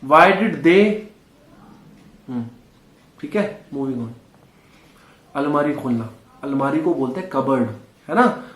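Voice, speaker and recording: A man's voice: a little high, animated, slow pace, long pauses, a bit bright, reverberant. A man teaching a spoken English lesson, patiently repeating drills and calling his viewers friends.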